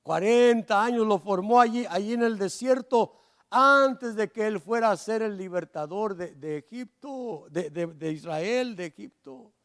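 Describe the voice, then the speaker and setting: High-voiced fervent preacher man. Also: a little slow. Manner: fervent preaching, swinging between loud pleas and low asides. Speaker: pastor. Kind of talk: sermon.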